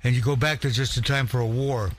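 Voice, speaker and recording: A male interviewer asks probing follow-up questions in a relaxed, conversational tone. His voice sits at an ordinary male pitch, with a faint background noise. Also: a little fast. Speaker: interviewer, host.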